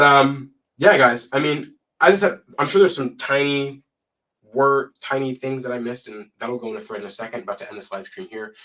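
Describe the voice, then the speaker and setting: A man's voice: mid-range voice, pushed and bright. A young man with a stuffy, cold-blocked voice, hosting a casual live stream and reading numbers aloud with chatty asides. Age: young adult. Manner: chatty, reads figures aloud and adds asides.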